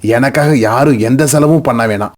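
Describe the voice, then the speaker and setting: A man voicing a kind, fair-minded elderly father in a cartoon, speaking gently and calmly. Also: medium pitch, moderate pace, lightly acted. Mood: gentle. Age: older. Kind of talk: cartoon voice acting. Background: background music.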